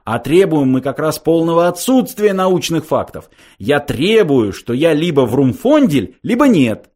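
A man voicing a hotheaded younger male philosopher who shouts his demands belligerently. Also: on the high side, lively intonation, slow, voice pushed up. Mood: shouting.

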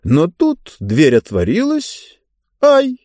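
Warm, highly animated male storyteller. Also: normal speed, dry recording, studio quality. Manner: expressive reading with wide pitch swings. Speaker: audiobook narrator. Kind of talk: scripted narration.

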